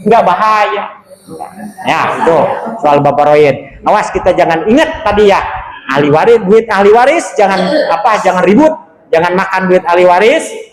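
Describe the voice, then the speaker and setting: A man giving an animated, religious study sermon. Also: on the high side. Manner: animated, colloquial, rises sharply for emphasis. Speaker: religious teacher. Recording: echoey room with faint background noise.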